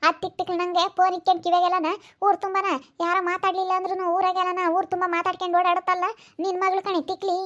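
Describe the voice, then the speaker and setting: A woman playing a quarrelsome village wife in a comedy-drama, scolding quickly and combatively. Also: very high voice, monotone, a bit bright, lo-fi sound. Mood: quarrelling. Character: sharp-tongued village wife, quarrelsome and loud.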